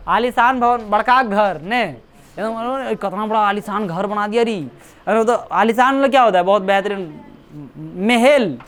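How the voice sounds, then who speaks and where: A Hindi woman teaching a coaching class speaks in a mid-range, clean voice in a classroom. She lectures and puts questions to her students, often checking that they follow, repeating dates, and dropping teasing asides.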